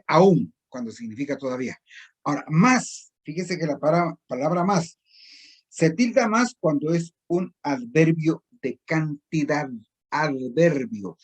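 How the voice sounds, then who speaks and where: A middle-aged male teacher explaining spelling rules slowly and repetitively, with many pauses. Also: a little high, breathy edge. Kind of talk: recorded distance-learning spelling lesson.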